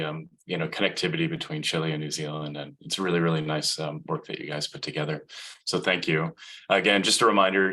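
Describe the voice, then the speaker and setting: A man's voice: deep voice, sharp tone, rough recording. A man moderating a student symposium online, casual and friendly, with plenty of ums and restarts. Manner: friendly, many fillers. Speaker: session moderator.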